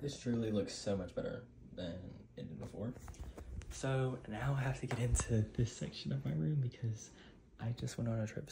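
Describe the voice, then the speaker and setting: A man's voice: medium pitch, creaky, noisy background. A young man talking casually in a home cleaning vlog, chatty and full of "like" fillers, filmed on a phone in his bedroom. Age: young adult. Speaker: vlogger. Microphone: phone camera, moving around the room.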